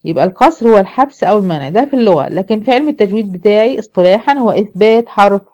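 A woman's voice: mid-range voice, animated, racing, darkish tone, dull audio. An Egyptian woman teaching Quran recitation, explaining step by step and asking the class questions that she answers herself. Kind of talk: classroom lesson.

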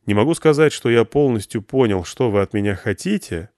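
A man doing a calm, dryly sarcastic grown man. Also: medium pitch, a little fast, no echo, studio quality, close to an everyday voice.

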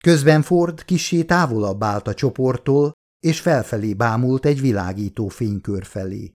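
A man reading his own novel aloud as an audiobook, in a steady, measured way. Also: medium pitch. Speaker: author reading own book. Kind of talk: audiobook narration.

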